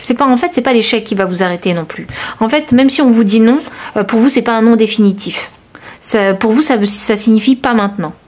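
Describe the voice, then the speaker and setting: A woman reading tarot cards for her viewers, talking straight to them in a searching, reassuring way with many pauses and restarts. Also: fairly high pitch, darkish tone. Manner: intimate, reassuring, addresses viewer directly. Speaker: tarot reader. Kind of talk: intuitive tarot reading to camera.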